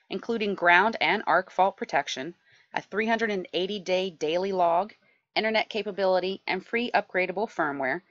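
Woman, thirties, somewhat low voice, clear explainer tone, boat engine room, close camera mic. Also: fairly bright tone. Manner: clear, informative tour-guide delivery. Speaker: sailing vlogger. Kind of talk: explaining a boat's power setup on camera. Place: cramped engine room and cabin of a sailboat.

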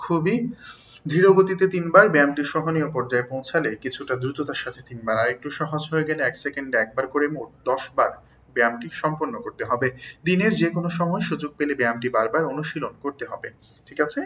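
A man's voice: a little high, fast, a bit bright, a little hiss or hum, rough recording. A man teaching a lesson on jaw exercises and pronunciation drills, chatting with listeners and checking they follow. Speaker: teacher of standard Bengali pronunciation.

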